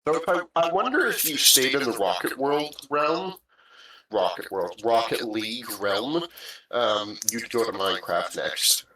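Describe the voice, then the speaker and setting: A man's voice: medium pitch, animated, unhurried, bright, forceful tone. A young man chatting casually and teasingly as a companion on a game stream. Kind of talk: casual chat. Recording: roomy, distant, faintly noisy microphone.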